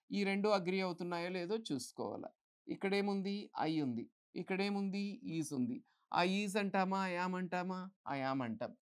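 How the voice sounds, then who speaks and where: A woman's voice: fairly low pitch, a little mellow. A woman teaching English grammar for exams, asking the class questions and answering them herself. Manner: reads English example sentences slowly and deliberately. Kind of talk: exam-prep grammar lesson.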